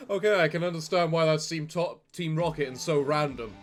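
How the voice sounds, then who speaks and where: A fairly high-pitched man speaks at normal speed over soft background music. Co-hosting a casual let's play on a gaming channel, he rambles along with a theatrical streak, including theatrical sign-offs.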